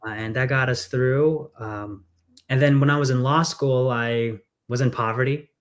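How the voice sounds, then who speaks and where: An England-raised congressional candidate works through a conversational interview in an earnest, storytelling manner, frequently filling pauses with "uh". His tone is steady, and his pitch is an ordinary middle range for a man.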